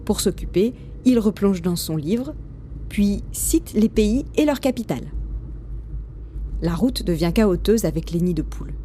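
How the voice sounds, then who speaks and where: A woman narrating a children's storybook with an expressive, lively reading. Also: mid-range voice, a little slow, a little hiss or hum.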